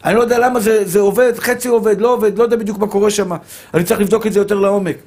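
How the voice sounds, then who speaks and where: A rabbi with a notably high voice preaches to a room of listeners. He drives home each point by saying it again and again, and he keeps warmly calling the listeners his dear brothers. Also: fairly even intonation. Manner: emphatic, repetitive, addresses listeners as dear brothers. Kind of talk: Torah lesson to a live audience.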